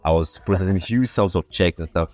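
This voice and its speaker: A young Ghanaian man, guesting on a podcast, tells his life story in a casual interview, earnest and reflective, often repeating words as he searches for phrasing. His voice sits low, a little mellow, and fairly quick.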